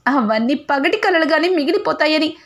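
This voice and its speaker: A woman's voice: high-pitched, animated, normal speed, fairly bright tone. Woman voicing a whining, self-pitying young wife. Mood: wailing. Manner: wailing lament.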